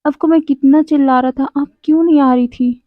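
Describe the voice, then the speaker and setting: A woman voicing a whiny, dramatic young man who complains and pleads loudly. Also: high-pitched, steady tone, brisk, no room sound, narrow, tinny audio, lightly acted. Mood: whining.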